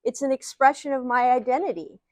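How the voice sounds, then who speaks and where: In a dry recording, a high-pitched woman talks a little fast as she teaches an audience live. She is a middle-aged psychologist and speaker from Ohio with a Midwestern accent, earnest in tone and fond of rhetorical questions.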